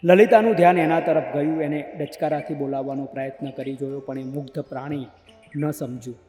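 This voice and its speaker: A man narrating a novel as an audiobook in a measured, literary reading style. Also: a little high, steady tone, dark tone. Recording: echoey hall with faint music.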